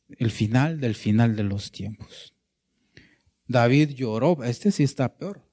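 A man's voice: medium pitch, dark tone. A male preacher giving a sermon, asking his listeners questions and often adding "right?", sometimes searching for words mid-sentence. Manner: asks the congregation rhetorical questions, repeats "¿verdad?".

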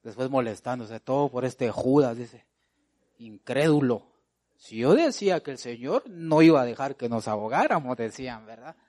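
A man preaching a sermon. He calls out to the congregation with repeated rhetorical questions and swings between loud exhortation and quiet, drawn-out asides. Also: mid-range voice, expressive.

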